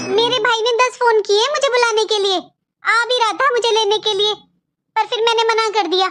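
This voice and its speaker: A very high, whiny sister-in-law from a family cartoon, as a woman plays her. She sounds sugary on the surface, complains without end and is passive-aggressive throughout. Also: sharp tone. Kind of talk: cartoon voice acting.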